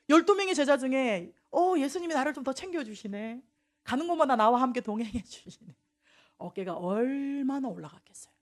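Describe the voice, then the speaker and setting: A woman missionary preaching a sermon in a church, swinging from loud exclamations to soft, hushed asides. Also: sits high. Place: church sanctuary.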